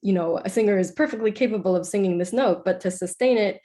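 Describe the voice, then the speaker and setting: A woman's voice: mid-range voice, fast talker, warm tone. A young woman from Iceland, a composer answering interview questions in a casual, chatty way, full of "like"s and self-corrections.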